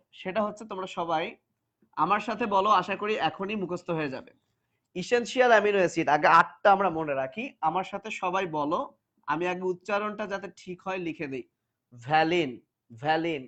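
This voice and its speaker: A man's voice: high-pitched, a little fast, fairly bright tone, muffled recording. A male biology teacher giving a classroom lecture, repeating terms again and again for students to chant back and addressing them directly.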